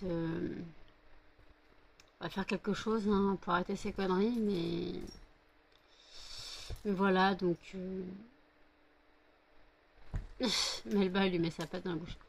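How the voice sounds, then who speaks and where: A woman's voice: mid-range voice, steady tone, slow pace, long pauses, darkish tone, muffled recording. A woman from France chatting casually in a vlog, rambling with many fillers and cooing baby talk to her dogs between remarks. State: sleepy and hot. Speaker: vlogger.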